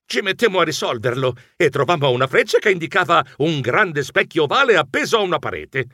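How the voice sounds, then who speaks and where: Animated male audiobook narrator, bright voice. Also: on the high side, a little fast, no room sound, clean studio sound. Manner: animated storytelling. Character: bookish male mouse narrator.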